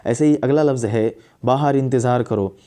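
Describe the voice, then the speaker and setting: Mellow-voiced man teaching English phrases. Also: mid-range voice. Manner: repeats each English phrase slowly several times. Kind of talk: spoken English lesson.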